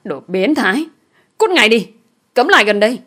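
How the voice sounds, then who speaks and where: A woman voicing a frightened but defiant young pregnant woman in an audio story, shouting and tearful. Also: mid-range voice, expressive, fast talker, lightly acted. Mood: terrified.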